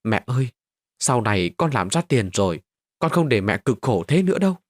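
A man's voice: mid-range voice, big pitch swings, fairly quick, no room sound, studio quality. A male storyteller voicing an earnest teenage village boy who pleads with his mother, in a narrated audio story.

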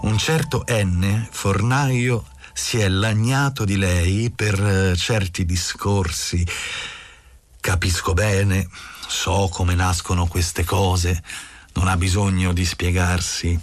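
A man voicing a weary, cynical old school principal who speaks slowly and paternally. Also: low voice, fairly even intonation, no room sound. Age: older. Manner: slow, measured, paternal.

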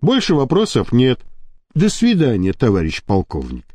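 A man's voice: mid-range voice, wildly swooping pitch, normal speed, a little mellow, husky, dry recording, pitched below the performer's own voice. A man voicing a humbled male police captain who answers his superior with clipped, dutiful replies. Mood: strained.

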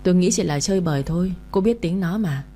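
A blunt man answers offhandedly in a storybook scene, as a woman reads him. The voice is low and mellow. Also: expressive, fast talker. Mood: offhand. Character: dismissive man, casual and blunt.

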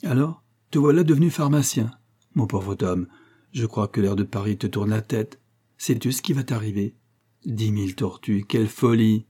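A man's voice: on the low side, moderate pace, warm tone, breathy edge. A man reading an audiobook and voicing a level-headed young male engineer who teases and scolds his servant. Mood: teasing. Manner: teasing and scolding.

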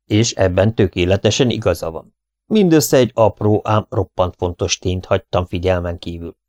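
A man's voice: deep voice, a little mellow, lightly acted. A man voicing a fussy, precise older male detective who explains things methodically in an audiobook reading. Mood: lecturing. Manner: measured, lecturing, methodical explanations.

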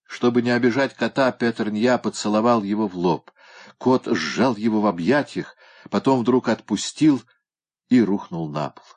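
A man narrating an audiobook in a steady, even storytelling manner. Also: lowish voice, moderate pace.

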